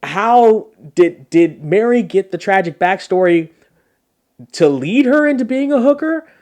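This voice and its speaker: A man's voice: high voice, expressive, unhurried, darkish tone. Man, podcast host, casual recap, enthusiastic, repeats himself for emphasis.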